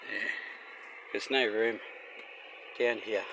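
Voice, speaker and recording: An Australian man with a fairly low, gravelly voice talks slowly and steadily through a do-it-yourself car radio install for his vlog. Casual and rambling, he goes in and around a car under a carport, and the handheld location recording is noisy.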